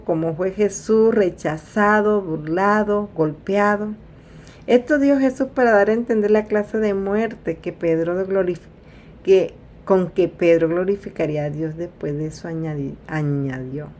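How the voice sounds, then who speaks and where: Female preacher, lowish mellow voice, chatty scripture retelling with asides, faint hiss behind. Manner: warm direct address, repeats "amada audiencia". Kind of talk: informal Bible sermon.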